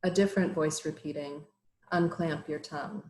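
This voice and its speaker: A middle-aged woman poet reading her poems aloud over a video call, introducing each one in a measured, hesitant way. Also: deep voice, fairly even intonation, darkish tone. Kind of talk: poetry reading with short introductions. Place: home room on a virtual reading call. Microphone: computer mic on a video call. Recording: roomy echo.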